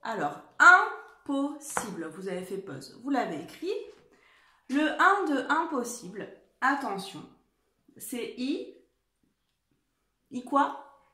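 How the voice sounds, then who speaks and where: A woman teacher giving a dictation lesson to young children, spelling out words and letters slowly and carefully. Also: fairly high pitch, sing-song, pushed and bright, roomy sound. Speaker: primary school teacher.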